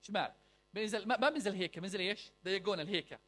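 A man's voice: high voice, racing, pushed and bright. A young man teaching a clinical medicine class, quizzing students with rhetorical questions and mixing in English medical terms. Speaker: medical lecturer.

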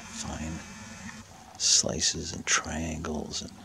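Speaking extremely slowly in a deep, gravelly voice, a kayaking vlogger hunts for a lake monster near a rocky shore. He sounds eager, often hushing to a whisper during his casual first-person narration as he paddles. Loud splashing water and paddle noise come through the outdoor camera audio.

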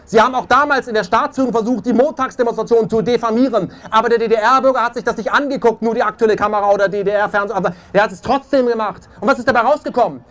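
High-voiced man giving a rally speech. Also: fast talker, few pauses, a bit bright. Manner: emphatic, keeps tagging questions with "ja?". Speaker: speaker at a peace rally. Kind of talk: impassioned protest speech. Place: outdoor street demonstration. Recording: faint crowd noise outdoors.

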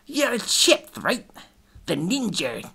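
A man's voice: extremely high pitch, measured pace, pushed and bright, pitched above the performer's own voice, heavily acted. A woman voicing a male shark demon thug who drawls and taunts in a put-on accent. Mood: taunting.

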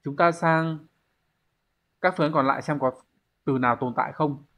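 This man's voice is fairly high and fairly bright, with fairly even intonation and a normal speed. He leads a language exam review, explaining step by step and regularly asking the class to confirm.

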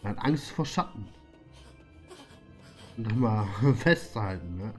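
A man's voice: on the low side, lively intonation, slow, a little mellow, soft background music. A man giving casual let's play commentary, playful and often muttering to himself as he goes.

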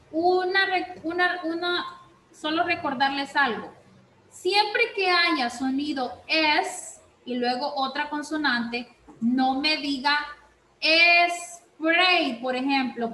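Woman teacher, high voice, real slow and patient, keeps asking ok?, echoey room with a bit of hiss. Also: pushed and bright. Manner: slow, repeats "¿ok?" often, switches between Spanish and English. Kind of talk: online class instruction.

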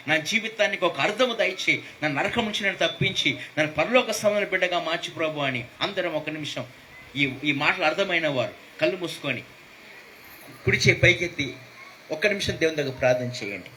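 A man's voice: on the high side, sharp tone, a little hiss or hum. A man preaching a fervent sermon as pastor, calling out hallelujahs throughout.

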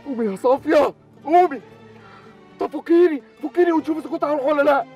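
A man's voice: extremely high pitch, quick pace, darkish tone, lo-fi sound, faint music behind. An actor with an Egyptian accent playing a desperate young man who begs and pleads while tied up. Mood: pleading. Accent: Egyptian Arabic. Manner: urgent, pleading, emotional. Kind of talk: Egyptian TV drama acting.

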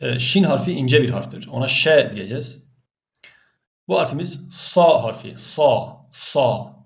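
A man's voice: mid-range voice, creaky. A man teaching Arabic letter sounds for Quran reading, repeating each sound aloud patiently.

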